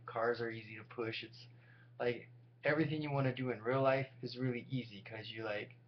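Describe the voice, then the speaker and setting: A tired, sleep-deprived man in his forties talking casually and candidly to viewers in a rambling, self-deprecating monologue. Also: medium pitch. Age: 40s. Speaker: vlogger. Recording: dull lo-fi audio with loud hum.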